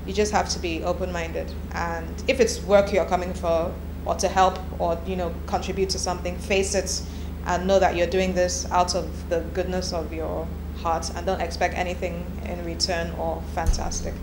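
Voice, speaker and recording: The interviewee, a copywriter in her thirties from Nigeria, has a lowish voice with a steady tone and speaks at normal speed. She answers candidly and chattily, sometimes restarting. Echo and background noise fill the recording.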